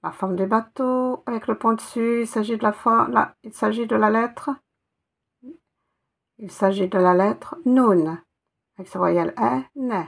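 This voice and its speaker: A woman's voice: fairly high pitch, a little slow, creaky. A woman teaching Arabic letters one by one, patiently spelling out each sound and repeating it. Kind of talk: step-by-step reading lesson.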